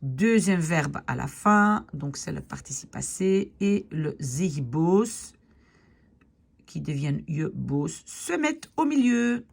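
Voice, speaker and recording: A woman teaching a grammar lesson step by step, checking in often with her students, slowing down to spell out words and giving encouragement. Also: sits low, big pitch swings, creaky, slightly rough. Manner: slows down to spell out Dutch words. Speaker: Dutch teacher.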